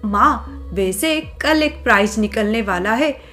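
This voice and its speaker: A woman's voice: on the high side, animated, slow, a bit bright, faint music behind. A woman voicing a spoiled, scheming young wife who sweet-talks and boasts, in a cartoon story. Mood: boastful. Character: scheming spoiled young wife, sticky-fingered sister-in-law.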